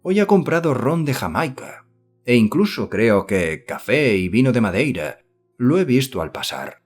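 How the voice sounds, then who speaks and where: A man reading as a stiff, pompous gentleman. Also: mid-range voice, big pitch swings, soft background music. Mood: condescending. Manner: formal, measured and condescending. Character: stiff, self-important middle-aged male suitor.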